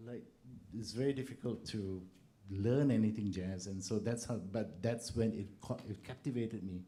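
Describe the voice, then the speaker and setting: A man in his sixties, a composer on a panel, telling stories in a relaxed way and laughing often. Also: lowish voice, normal speed. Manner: storytelling, laughing often, acts out quotes.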